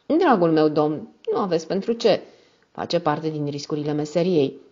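A woman voicing a calm, courteous and shrewd male detective who speaks politely and in measured tones. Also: low voice, highs cut off. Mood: amused.

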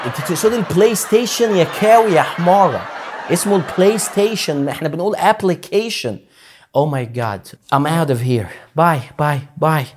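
A haughty upper-class Egyptian mother, put on by a man, pitched high and talking quickly. She scolds with a sneer and sprinkles English words through her Egyptian Arabic accent. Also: animated, background noise, close to an everyday voice. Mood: scornful.

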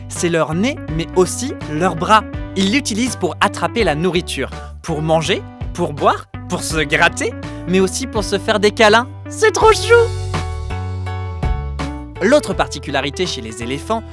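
A woman's voice: on the low side, expressive, moderate pace. A woman hosting a children's educational video, playful and exclamatory, with jokey asides to the animals. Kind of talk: lively presenting to children. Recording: music playing under the voice.

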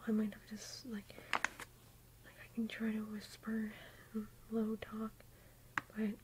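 A woman's voice: mid-range voice, warm tone, slightly rough, low-quality recording. A young woman whispering in an ASMR makeup roleplay, gushing compliments and rambling with "like" and "um". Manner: rambling with fillers like "like" and "um". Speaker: ASMR YouTuber.

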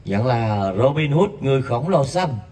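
This man calls a local football match at night on an outdoor floodlit five-a-side pitch, animated and a little mellow at normal speed. He reads viewer messages between plays and rises sharply on shots, captured by a distant mic with slight background noise.

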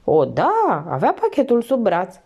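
A woman doing a chatty high-voiced innkeeper lady. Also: huge pitch swings, a little mellow, husky, dull audio, heavily acted. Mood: excited. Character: talkative middle-aged female country innkeeper, fussy.

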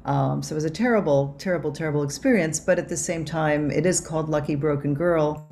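A woman from Cuba, an author and anthropologist, answering interview questions over a video call in a reflective way with many pauses and restarts. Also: deep voice, vocal fry, a little mellow, a little hiss or hum. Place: home office.

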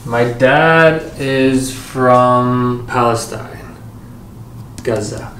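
A young man in his twenties talks casually through viewer questions in an easygoing middle-pitched voice. He is relaxed and chatty, full of fillers and restarts. The recording picks up a roomy echo and clear background noise. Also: extremely slow. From Canada and Qatar. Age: 20s. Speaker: YouTuber answering viewer questions. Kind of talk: casual Q&A vlog. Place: home office, then outdoor courtyard.

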